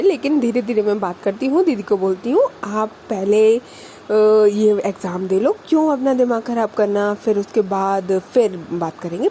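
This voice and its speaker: A woman's voice: sits high, dark tone, slight background noise. A woman voicing a patient young working woman who soothes and reassures her partner.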